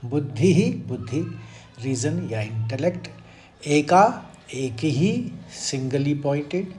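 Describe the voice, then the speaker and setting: A man teaching a sacred Sanskrit verse, explaining it slowly and deliberately and chanting the lines again and again. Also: a little high, warm tone. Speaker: Gita teacher. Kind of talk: devotional verse lesson.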